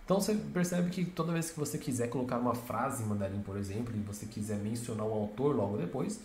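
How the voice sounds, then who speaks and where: A man's voice: fast talker, darkish tone. A man, a Mandarin teacher giving a casual video lesson and explaining patiently. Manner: explains patiently, tags lines with "né?" and "tá?"; imitates horn sounds in a high voice. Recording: echoey room with faint noise.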